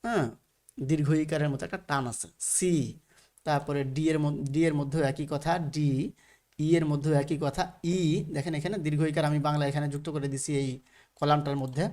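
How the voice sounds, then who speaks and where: A man's voice: on the high side, fairly even intonation, brisk, darkish tone. A man with a Bangladeshi Bengali accent teaching English letter sounds in a recorded lesson, patiently repeating each letter with frequent fillers.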